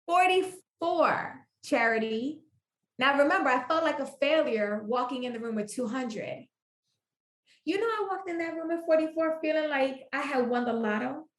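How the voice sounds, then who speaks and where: A woman podcast guest telling a faith story in an animated, emphatic way, repeating phrases for effect. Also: high voice, normal speed, echoey room.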